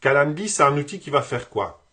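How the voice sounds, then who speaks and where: Male business coach for a live web tutorial: husky, halting and casual, repeats words as he goes. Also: a little high, sing-song, sharp tone.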